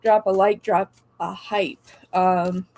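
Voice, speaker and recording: Chatty woman hosting a slow live stream. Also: mid-range voice, little pitch movement, darkish tone. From Oregon. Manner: chatty, greets viewers by name, laughs often. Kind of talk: casual live-stream chat.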